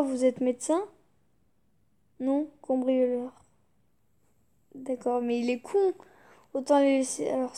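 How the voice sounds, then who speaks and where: A woman's voice: sits high, warm tone. A young woman YouTuber reading jokes aloud, fighting back giggles and muttering reactions between them.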